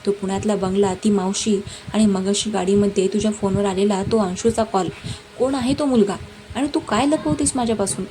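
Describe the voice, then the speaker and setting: A woman's voice: medium pitch, fairly even intonation, fairly quick, dark tone, natural voice. A woman voicing an angry, stubborn young man who demands answers, over a noisy background.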